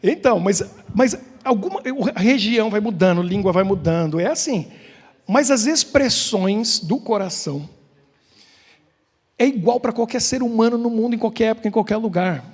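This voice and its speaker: A man's voice: sits high, lively intonation, normal speed. A Brazilian man, a pastor with a Brazilian Portuguese accent, gives an informal sermon, joking and asking the congregation questions. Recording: long church hall reverb.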